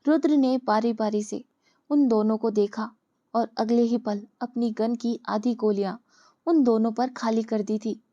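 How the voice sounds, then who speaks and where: A woman narrating a dramatic audio story in a steady storytelling manner. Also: on the high side, unhurried, dull audio.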